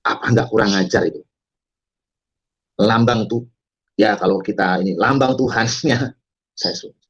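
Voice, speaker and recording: A man telling his story to an audience in a dramatic testimony, halting with many fillers and breaking into loud quoted shouts. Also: fairly low pitch, breathy edge, muffled recording. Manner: halting, frequent fillers and restarts. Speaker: testimony speaker. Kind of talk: dramatic spoken testimony to a congregation.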